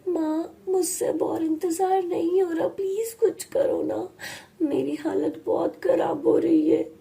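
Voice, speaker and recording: A woman's voice: very high-pitched, flat delivery, slow, vocal fry, mellow, voice pushed up, exaggerated voice. A woman voicing a frightened teenage village girl begging her mother for help. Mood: pleading. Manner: pleading, tearful whisper.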